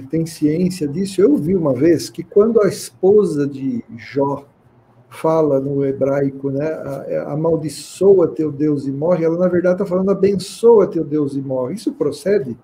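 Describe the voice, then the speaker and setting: A man's voice: fairly high pitch, unhurried, warm tone, slight background noise, rough recording. A man asking an interview guest curious questions in a casual way.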